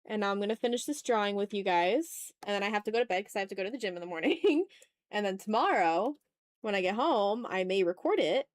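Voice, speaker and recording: She talks fast, in an expressive mid-range voice with no room sound. Hosting an art livestream as an illustrator, she draws and chats casually with viewers, joking and swearing lightly as she goes.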